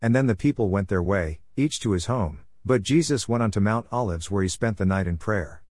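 A man with a fairly low voice narrates a religious text in a measured, even reading. The sound is dry and close to the mic, with no room around it. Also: no room sound. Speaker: audiobook narrator.

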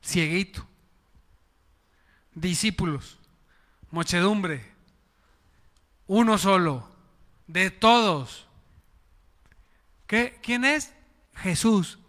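In an animated sermon, a pastor with a high, bright voice takes his time, peppering the congregation with questions and leading them in call-and-response. The hall adds a long reverb to his voice.

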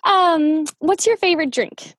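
A woman's voice: very high voice, measured pace, a bit bright, no echo. A woman from New Orleans hosting a casual podcast interview, upbeat and chatty, saying "like" a lot. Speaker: podcast host.

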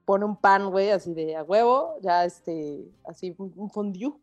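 A woman, a podcast co-host retelling a myth in animated, crude slang. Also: mid-range voice, unhurried, muffled recording, faint music behind.

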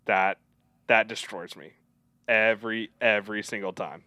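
A man's voice: on the low side, steady tone, takes it slowly, sharp tone, no room sound. A young man co-hosting a casual podcast, eagerly retelling and quoting favorite movie scenes. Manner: enthusiastic retelling of film scenes, quoting lines. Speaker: podcast co-host.

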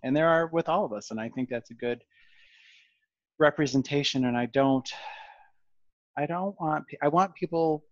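A man's voice: a little high, normal speed, pauses often, dry recording, muffled recording. A man hosting a podcast, talking in a playful, casual way that often restarts mid-sentence. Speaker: podcast host.

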